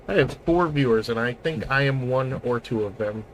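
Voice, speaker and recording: A man's voice: mid-range voice, normal speed, a little hiss or hum, poor audio. A man streaming a train game, chatting casually in a jokey, self-mocking way and laughing often. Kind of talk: casual gameplay chat.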